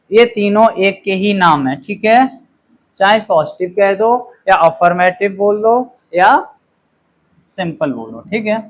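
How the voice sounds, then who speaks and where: Male teacher, high voice, unhurried, spells out example sentences carefully. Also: poor audio. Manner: explains slowly, ends points with a checking "okay"; reads example sentences very slowly and clearly. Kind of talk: grammar lesson.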